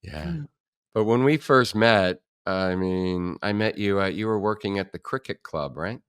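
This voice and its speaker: A man hosting a podcast, a filmmaker asking relaxed conversational questions. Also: lowish voice, a little slow, clean tone, dry recording, studio quality.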